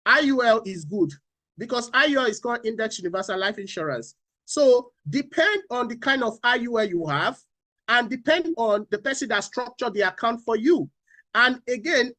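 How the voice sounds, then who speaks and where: A Nigerian man with a high-pitched, slightly bright voice speaks as a finance panelist on a talk show, recorded with no room sound. He repeats key phrases and poses rhetorical questions.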